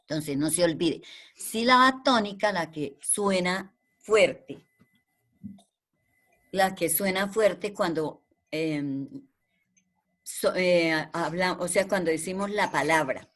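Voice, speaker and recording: A woman's voice: fairly low pitch, takes it slowly, fairly bright tone. A woman teaching a primary school class over a video call. She speaks patiently and repeats the key terms so her pupils remember them.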